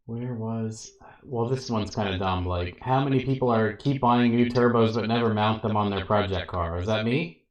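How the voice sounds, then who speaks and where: A man's voice: lowish voice, fairly even intonation, moderate pace. A man hosting a casual online chat, his voice echoing through a video call connection. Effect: echoing call audio. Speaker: host reading viewer questions. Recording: echoey call audio.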